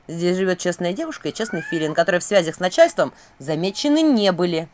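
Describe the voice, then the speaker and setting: A woman voicing a brash, sarcastic male owl who mocks loudly and hisses quick asides. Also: fairly low pitch, animated, natural voice. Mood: mocking. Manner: mocking, hissing asides.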